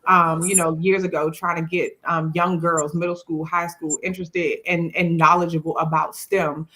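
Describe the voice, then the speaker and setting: A woman panelist speaking hesitantly, with many pauses and fillers. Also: fairly low pitch, fairly bright tone, low-quality recording. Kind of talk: panel discussion.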